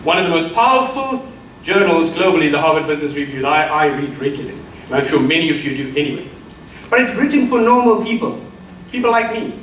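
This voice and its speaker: This keynote speaker, a middle-aged South African man, is very animated, with a quick pace and a slightly high, somewhat bright voice as he emphatically lectures colleagues in a lecture hall. A far mic adds roomy echo, and there's faint ambience plus a little hiss or hum.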